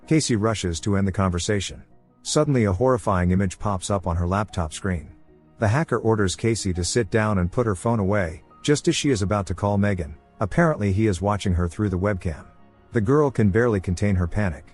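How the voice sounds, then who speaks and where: A man tells a film's plot in an even, scripted recap voice. His voice sits low with a husky, slightly breathy grain. Faint music plays quietly underneath the narration. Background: soft background music.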